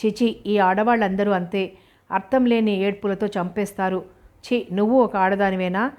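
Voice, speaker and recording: A woman voicing a young husband who scolds with scorn in a novel reading, in her own flat voice. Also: mid-range voice, normal speed, close to an everyday voice. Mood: scornful.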